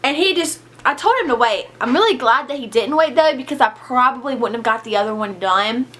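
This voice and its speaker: A young woman telling a candid storytime in a casual vlog, chatty and animated, swearing freely. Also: fairly high pitch, fairly quick. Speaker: vlogger.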